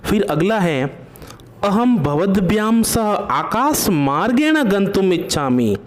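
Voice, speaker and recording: Slow, high-voiced male teacher. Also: sing-song, slight background noise. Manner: slow, repeats answers as questions to the class. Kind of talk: online class lesson.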